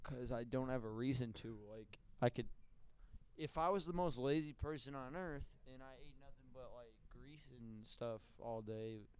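A man's voice: mid-range voice, normal speed, darkish tone. A teenage boy co-hosting a podcast in casual chat, bossy and teasing as he takes over the talk. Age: teens. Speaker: podcast co-host.

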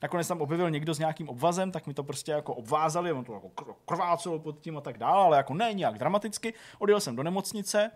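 A man in his thirties spins a long personal story in loose, casual chat. His voice sits a touch higher than most men's, and he rambles, piling up filler words and restarting sentences as he goes. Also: few pauses.

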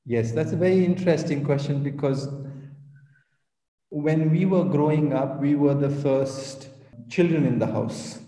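Mellow-voiced man in an echoey room. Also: on the high side, a little slow. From India. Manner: hesitant, many fillers and restarts. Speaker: podcast guest. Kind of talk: conversational interview. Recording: echoey room with long reverb.

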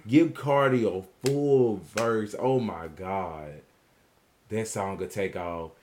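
A man's voice: fairly low pitch, takes it slowly, a little mellow, a little hiss or hum. A man guesting on a podcast in casual chat, stating his opinions confidently and with emphasis.

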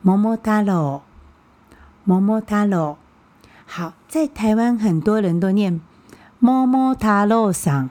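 Woman w/ a mother tongue, chill podcast host, mellow soft voice, says words twice so you can follow. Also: medium pitch. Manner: friendly and patient, often repeating words for learners. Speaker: podcast host teaching Japanese. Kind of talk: casual explanatory podcast talk.

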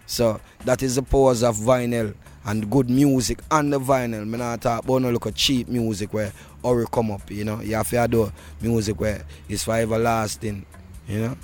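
A man's voice: mid-range voice, fairly even intonation, normal speed, slight background noise. A man with a Jamaican accent talking casually in an interview, in Rasta speech full of patois and devotional phrases. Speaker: reggae artist being interviewed. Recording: music playing behind the voice. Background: music.

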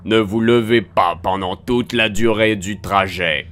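A Quebec French man, a game master, voicing the booming metallic robotic announcer of a transit car, speaking slowly and loudly. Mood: announcing. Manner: slow, loud, evenly spaced announcements.

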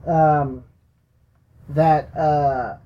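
A game master narrating a tabletop role-playing game for a podcast, in slow, halting speech full of fillers. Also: medium pitch, steady tone, muffled recording, a little hiss or hum.

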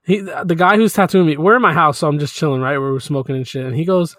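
Laid-back, jokey podcast dude. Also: male voice, a little high, quick pace, a bit bright, dry recording, clean studio sound. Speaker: podcast co-host. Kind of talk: casual chat.

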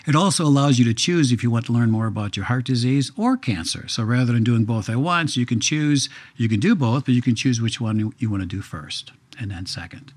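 A man in an interview, speaking at an ordinary pitch as he patiently walks through a process. He explains things step by step in a measured way, pausing with the odd filler. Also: lively intonation. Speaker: genetic counselor, guest.

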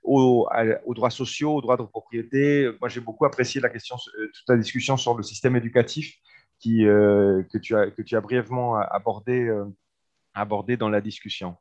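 A man's voice: medium pitch, steady tone, moderate pace, a little mellow, muffled recording. A man from Argentina, a seminar discussant commenting on a book, speaking hesitantly with many fillers and restarts.

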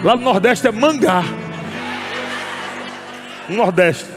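A man preaching a sermon as pastor, animated and often shouting and laughing, at a church service. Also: high voice, slow. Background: music.

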